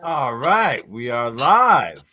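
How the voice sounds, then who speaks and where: A man's voice: mid-range voice, sing-song, very slow, bright, forceful tone. A man co-hosting a casual livestream, welcoming guests and agreeing along. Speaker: livestream co-host.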